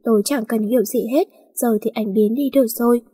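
A woman voicing a furious, heartbroken young woman who answers in sharp, bitter refusals. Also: fairly high pitch, steady tone, fairly quick, breathy edge. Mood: angry.

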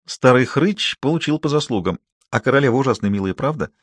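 A man reading an audiobook and voicing a proud, wealthy adult woman who speaks in a hushed, confiding tone. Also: mid-range voice, animated, a little fast, husky, dry recording. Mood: hushed gossip.

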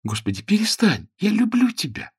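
A cheerful young actress with a high, girlish voice that swings lively up and down. She is coaxing and sweet in an audiobook telling. There is a slight huskiness to the voice. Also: moderate pace, husky, full character voice. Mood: affectionate. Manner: bubbly, coaxing.

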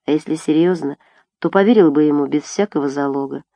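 A woman reading an audiobook in an even, wry first-person storytelling manner. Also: sits low, a little fast, vocal fry, no room sound. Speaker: audiobook reader. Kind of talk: audiobook narration.

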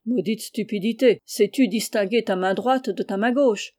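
A woman voicing an excitable eccentric man. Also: medium pitch, moderate pace, natural voice. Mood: urgent. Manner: urgent, commanding questions. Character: excitable eccentric man, obsessed treasure seeker.

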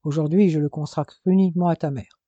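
A busy father brushes his son off in a quick, practical way, read aloud by a storyteller. The voice is warm and dark, set in a dry, close recording. It sounds like an audiobook chapter. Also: mid-range voice, steady tone, no room sound, lo-fi sound, natural voice. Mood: brisk. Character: busy, brisk father, adult man.

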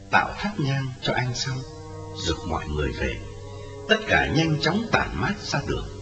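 A man narrates a scripted audio story, his voice rising and falling dramatically across a very wide range. The recording sits in a long, echoing reverb, a little distant and dull, with music playing behind him. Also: mid-range voice. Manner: dramatic, widely varied intonation.

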